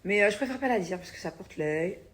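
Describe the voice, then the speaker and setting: A woman's voice: medium pitch, expressive, a little fast, slight background noise. A woman in her thirties chatting casually to her followers in a vlog, blunt and chatty, swearing and laughing often. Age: 30s. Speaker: vlogger.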